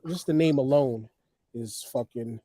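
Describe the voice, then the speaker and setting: A man co-hosting a casual podcast chat, animated, laughing loudly and swearing freely. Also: medium pitch, unhurried. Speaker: podcast co-host.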